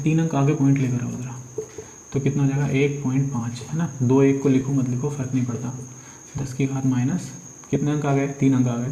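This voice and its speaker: A man's voice: mid-range voice, dark tone. Male teacher coaxing students through sums. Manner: coaxing, asks and answers his own questions, calls students beta. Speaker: physics teacher. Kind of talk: working numericals step by step. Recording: echoey room, faint insect noise.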